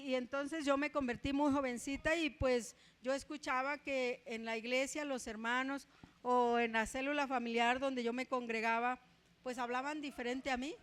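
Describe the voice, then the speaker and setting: A Mexican woman with a Mexican accent preaching a conversational sermon, often tagging her points with a quick aside and telling personal stories with humor. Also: high voice, fairly bright tone. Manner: chatty, tags asides with ¿verdad?, tells personal stories with humor.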